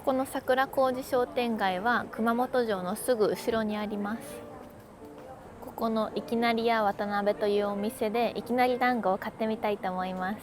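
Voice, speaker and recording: A woman chatting casually through a travel vlog, playful and quick with self-deprecating jokes while she walks around sightseeing. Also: on the high side, fairly even intonation, noisy background. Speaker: travel vlogger. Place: out and about sightseeing in a city. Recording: background music under voice.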